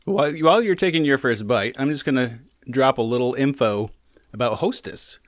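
A man's voice: mid-range voice, brisk, no room sound, clean studio sound. A man co-hosting a casual food-tasting show, chatting about the taste and sharing trivia between bites. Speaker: co-host.

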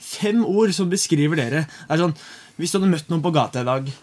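A man's voice: on the high side, animated, a little mellow. A young man co-hosting a podcast in casual, conversational talk. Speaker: podcast co-host. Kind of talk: casual chat.

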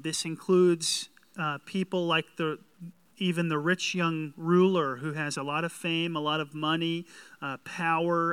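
A man preaches in a Southern American accent. His voice is bright and smooth, and he builds his points deliberately with pauses and repetition. The recording is dry, with very little room sound. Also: fairly high pitch, dry recording. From Southern United States. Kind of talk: sermon.

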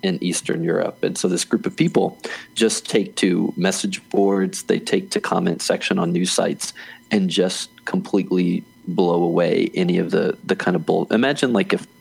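Low raspy guy rambling on a soccer podcast, lots of restarts. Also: fairly even intonation, normal speed, darkish tone, low-quality recording. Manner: rambling, restarts often, laughs easily. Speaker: podcast co-host. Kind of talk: casual chat.

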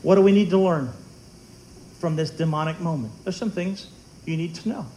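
Pastor, male, higher pitch, conversational sermon with jokes, light hiss in the room. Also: moderate pace, poor audio. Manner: animated, conversational preaching with humorous asides. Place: church sanctuary.

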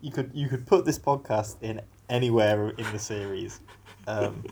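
A man's voice: fairly low pitch, moderate pace, creaky, darkish tone, slight background noise. A man co-hosting a casual podcast, playful and giggly, often second-guessing himself. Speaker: podcast co-host. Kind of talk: casual chat.

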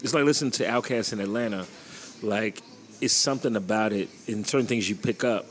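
A young man from Chicago hosting a casual chat, relaxed and opinionated, with lots of "like" and "you know.". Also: lowish voice, brisk. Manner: relaxed, opinionated, says "like" a lot. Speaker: host.

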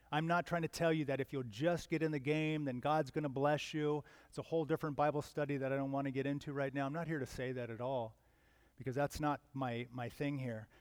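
A man in his fifties preaching a sermon in an earnest, conversational way, with sudden loud emphatic swells. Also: mid-range voice, no room sound. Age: 50s. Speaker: pastor.

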